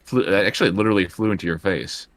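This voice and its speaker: In a low-pitched voice, a man rattles along quickly while playing a tabletop roleplaying game. His improvised, in-character speech is conversational and halting, with frequent repeated words.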